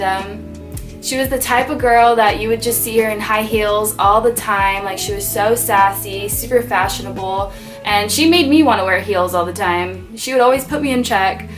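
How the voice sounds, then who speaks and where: Soft-spoken young woman vlogging. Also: mid-range voice. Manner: soft, tearful, many fillers. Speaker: beauty vlogger. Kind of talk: emotional personal vlog.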